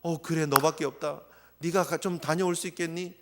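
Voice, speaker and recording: A man voicing a gentle, fond elderly father in a reverberant church. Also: a little high, fairly even intonation, a little fast, noisy background, close to an everyday voice.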